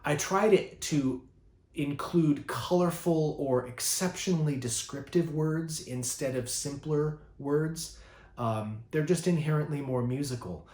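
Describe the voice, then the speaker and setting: A man's voice: a little high, measured pace, darkish tone, roomy sound. Thoughtful man teaching, with many ums. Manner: thoughtful, fond of words, many ums and uhs. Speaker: poet teaching a master class. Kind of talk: informal spoken lesson.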